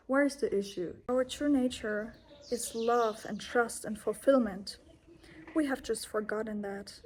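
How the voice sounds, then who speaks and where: Earnest German-accented woman, fairly high voice. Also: a little mellow. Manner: earnest, heartfelt, self-correcting. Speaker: yoga teacher and vlogger. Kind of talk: personal reflective monologue.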